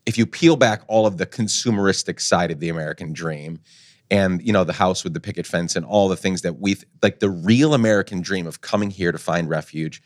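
A male host with a very low voice asks long, meandering questions, often stopping to search for the right words. He is recorded dry and close, with no echo. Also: fairly quick. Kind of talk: interview questions.

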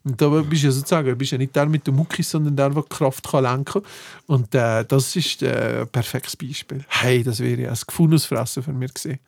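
A man's voice: mid-range voice, fairly quick, gravelly, no echo. A man with a Swiss German accent, hosting a casual chat and telling funny stories with lots of laughter. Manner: laughing storyteller, animated quoting.

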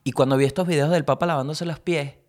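Young man, comedy podcast host, rambling monologue, swearing, fairly high voice. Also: steady tone, fast, a little mellow. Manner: swears freely, acts out quotes in jumpy voices. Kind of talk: comic monologue.

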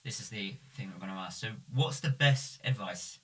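A man's voice: on the low side, brisk. A man hosting a podcast, chatting casually with guests and asking loose, filler-heavy questions. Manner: relaxed, filler-heavy questions with many "like" and "sort of". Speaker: podcast host. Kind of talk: casual interview chat.

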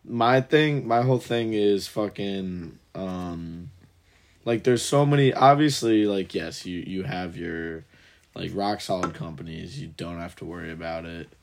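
A man's voice: low-pitched, a little slow, creaky, slight background noise. A young man co-hosting a gaming podcast, talking loosely with swearing and frequent laughter. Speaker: podcast co-host. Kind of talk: casual gaming podcast chat.

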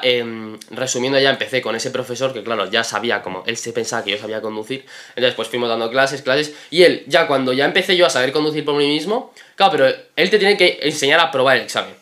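A young man, casually telling animated stories with lots of fillers and swearing. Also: mid-range voice. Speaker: podcast co-host. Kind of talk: casual storytelling.

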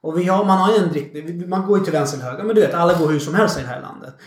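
A man chatting casually as a podcast guest, an animated storyteller who swears freely. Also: fairly high pitch. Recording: echoey room.

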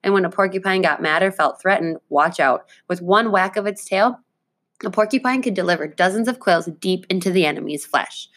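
A woman teacher reading a children's book aloud to her class, with clear, expressive delivery. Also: on the low side, fairly quick.

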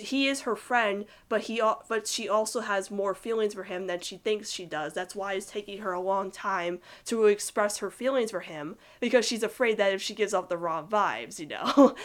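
A young woman gushing about a cartoon couple in rambling, excited casual commentary full of "like". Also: medium pitch. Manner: gushing, rambling, heavy use of "like", giggly. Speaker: cartoon fan reviewer.

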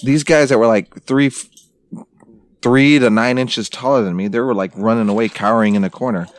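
A man's voice: mid-range voice, fairly even intonation, a little fast, no echo. A man from Arizona, a podcast co-host, telling a story in casual, profane, blunt chat. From Arizona, USA.

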